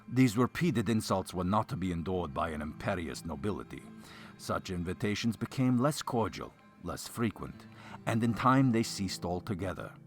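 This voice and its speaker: A man's voice: low-pitched, lively intonation, moderate pace, soft background music. A man narrating a gothic story as a dramatic reading, in a theatrical, hammy stage-actor manner.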